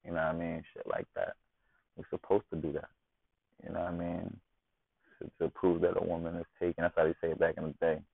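A man with a low, gravelly voice holds forth in a relaxed, slangy podcast monologue, checking in with his listeners every few lines. The sound is thin and phone-like, with no room in it at all. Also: fast talker, no room sound. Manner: slangy, constantly asks "you know what I'm saying". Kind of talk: casual monologue. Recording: tinny phone-like dry sound.

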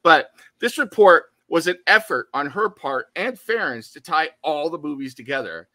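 Bright, chatty horror podcast man. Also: fairly high pitch, lively intonation, normal speed, no echo. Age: adult, studied in college. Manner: chatty and jokey, drifts into tangents. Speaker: podcast co-host. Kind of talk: casual chat.

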